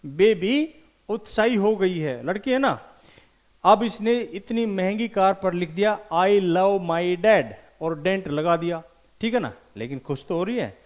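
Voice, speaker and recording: A man teaching English vocabulary for competitive exams, animated and repeating key words slowly for emphasis. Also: sits high. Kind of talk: vocabulary lesson with memory tricks.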